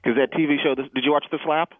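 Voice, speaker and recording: A man's voice: fairly high pitch, steady tone. A man calling into a radio show, talking casually and provocatively with mock outrage. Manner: provocative, mock-outraged, quick to put on voices. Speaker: caller. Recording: tinny phone line, dry.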